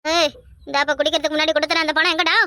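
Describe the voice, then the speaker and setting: A boastful old mother-in-law who scolds and sings her way through a cartoon, voiced by a woman. Her voice sits very high and runs quickly, bright and piercing. It is recorded close and dry. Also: flat delivery, dry recording. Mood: demanding. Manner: shrill, scolding, sing-song. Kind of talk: cartoon voice acting.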